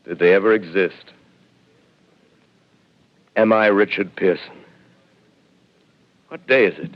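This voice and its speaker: An actor playing a lone, shaken professor surviving an invasion, narrating gravely in a 1930s radio drama heard through old AM radio sound. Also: male voice, deep voice. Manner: grave, measured, reflective. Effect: old AM radio broadcast sound. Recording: muffled 1930s AM radio broadcast.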